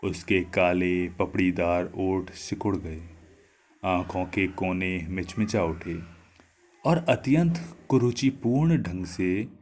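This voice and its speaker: A male storyteller reads a literary tale in a low voice. He takes it very slowly, giving each line room. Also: darkish tone. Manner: slow, measured reading. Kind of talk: scripted narration of a literary story.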